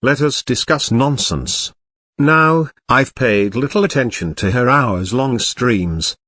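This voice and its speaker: A man giving scripted reaction commentary in a dry, sarcastic, measured way. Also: mid-range voice, lively intonation, a bit bright, no echo. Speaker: commentary channel host.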